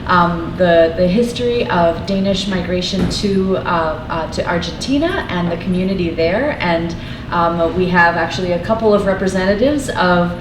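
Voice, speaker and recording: A woman opens a museum lunch program and introduces the speaker, pausing often with fillers. She speaks at a mid pitch in an echoey hall. Steady background noise can be heard behind her. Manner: warm welcoming tone with many fillers. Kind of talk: formal welcome introduction.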